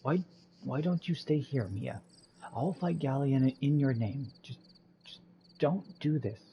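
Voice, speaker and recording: A man's voice: mid-range voice, a little slow, vocal fry, mellow, slight background noise. A man voicing a worried, pleading young male mage. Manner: pleading, fearful.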